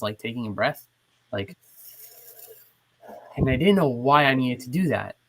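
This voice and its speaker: Breathless man telling a bright tale. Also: mid-range voice. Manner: rambling, animated storytelling. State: short of breath while ill. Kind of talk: casual chat. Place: home, in bed.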